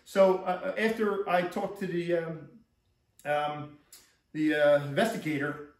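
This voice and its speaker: A man's voice: fairly high pitch, flat delivery, unhurried. A middle-aged man, a police officer, giving a rambling first-person account that is full of repeats and restarted sentences. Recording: echoey room, far from mic.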